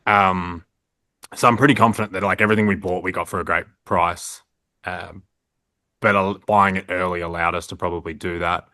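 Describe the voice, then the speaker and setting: Low, bright-toned Australian man. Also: fairly even intonation, moderate pace, no room sound, clean studio sound. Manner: rambling, filler-heavy, frequent "like". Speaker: print shop owner, guest. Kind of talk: casual interview chat.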